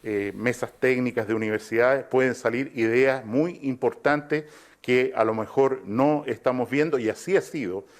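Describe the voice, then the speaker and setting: A man who is a government official responds to a press conference question, speaking formally and haltingly in a mid-range voice.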